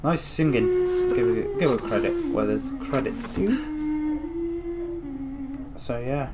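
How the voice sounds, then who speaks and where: A man's voice: mid-range voice, wildly swooping pitch, slow, heavy background noise. A man giving casual, playful commentary on a video game, often repeating his phrases. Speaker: gamer commenting on play. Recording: loud game music behind.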